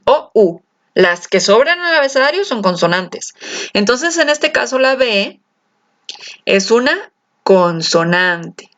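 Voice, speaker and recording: A woman teaching an English grammar lesson, lively and coaxing, asking her students questions and stretching out key words. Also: mid-range voice. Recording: slightly dull lo-fi sound.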